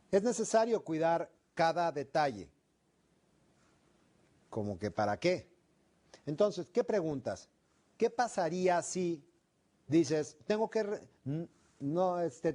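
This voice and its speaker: A man's voice: sits high, dark tone. A middle-aged man teaching a negotiation class, often asking questions and acting out example phrases. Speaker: instructor. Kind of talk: classroom lecture.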